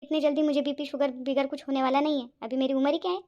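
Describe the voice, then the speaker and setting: A woman voicing a bossy, sharp-tongued elderly mother-in-law in a cartoon, talking in a scolding, complaining way. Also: sits high, little pitch movement, racing, highs cut off, natural voice. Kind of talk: cartoon voice acting.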